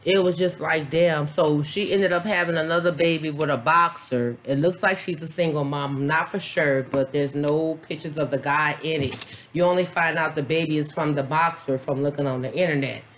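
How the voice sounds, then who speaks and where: A woman's voice: sits low, fairly even intonation, normal speed. A woman vlogger giving a casual reaction review, blunt and profane, rambling with lots of fillers, a little tipsy. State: a little tipsy after a beer. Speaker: vlogger, mom reviewing a documentary.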